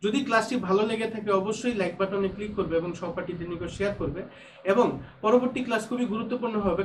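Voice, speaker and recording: High-voiced man teaching an online lesson. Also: distant mic, a little hiss or hum, poor audio. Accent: Bangladeshi Bengali. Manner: explains word by word, with frequent hesitations.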